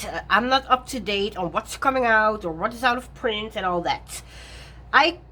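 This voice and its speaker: A woman's voice: mid-range voice, a bit bright. A woman vlogging casually about her tarot decks, chatty, often correcting herself and laughing between thoughts. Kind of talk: rambling casual chat.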